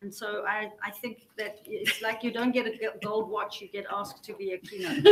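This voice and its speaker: A woman's voice: medium pitch, animated, moderate pace, gravelly, a crowd in the background, poor audio. A woman talking informally as an interviewed speaker, picked up by a laptop microphone on site. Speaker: keynote speaker.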